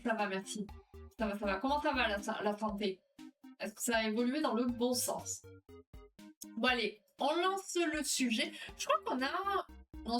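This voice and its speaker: French woman rambling thru a live quiz, bit high voice, far from the mic w/ soft music behind. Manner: chatty, rambling, reads viewer comments aloud. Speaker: livestream host. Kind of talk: casual live chat with viewers, running a quiz.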